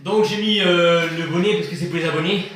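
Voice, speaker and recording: A man with a fairly quick, high, slightly bright voice chats casually as a video host unboxing his purchases, rambling, joking and repeating himself. The recording has an echoey room and faint noise.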